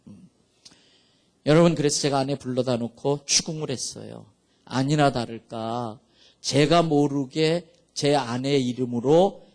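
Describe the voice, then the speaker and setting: A middle-aged man, a pastor, telling a personal story in an emotional sermon, swinging between soft and loud. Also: mid-range voice.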